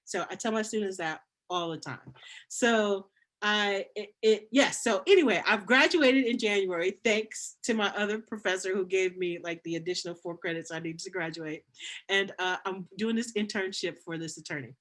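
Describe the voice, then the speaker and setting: Woman, middle-aged, bright clear voice, animated storyteller, quotes people in raised voices. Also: mid-range voice, normal speed. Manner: animated, acts out quoted voices, frequent restarts. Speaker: university dean, interview guest. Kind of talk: storytelling in a casual interview.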